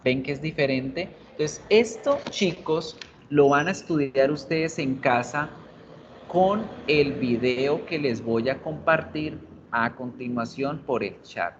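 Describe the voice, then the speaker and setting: A male English teacher giving an online class, explaining grammar in Spanish and slowly repeating English examples. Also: medium pitch. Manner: calls students "chicos", jokes in class. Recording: muffled video-class audio, faint hiss.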